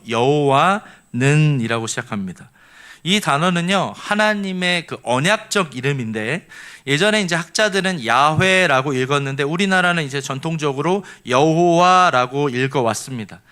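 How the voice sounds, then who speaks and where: Earnest, fairly high-voiced male pastor. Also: expressive, normal speed, bright, forceful tone, clean tone. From Seoul, South Korea. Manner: earnest, explanatory, leads the congregation in repeating lines. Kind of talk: sermon.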